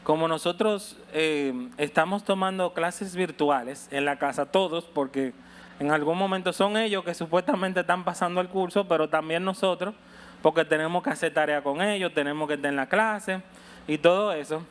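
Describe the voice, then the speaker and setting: A man's voice: a little high, moderate pace. A middle-aged male pastor giving a sermon in a conversational, storytelling manner, often asking his listeners questions. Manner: conversational storytelling preacher, asks the audience questions.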